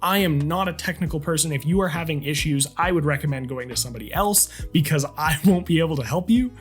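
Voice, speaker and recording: A man's voice: fairly high pitch, quick pace, faint music behind. Rambling, laughing young man at home. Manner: rambling, self-deprecating, laughs often. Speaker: streamer. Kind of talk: casual vlog talk to camera. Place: home streaming room.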